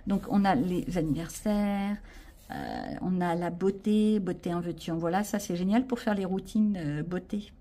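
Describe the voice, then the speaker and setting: Speaking to camera about her sticker and craft haul, a French-accented woman vlogger keeps things casual, self-mocking, and full of fillers. Her voice is on the low side and dark in tone, steady and at a normal speed.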